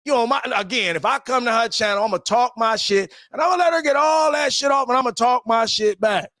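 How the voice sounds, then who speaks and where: A man's voice: extremely high pitch, brisk, fairly bright tone, no room sound, clean studio sound. A man hosting his own channel, ranting heatedly with lots of profanity, repeating himself and stumbling over restarts. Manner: profane, repetitive, stammering restarts. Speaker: channel host. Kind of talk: heated livestream rant.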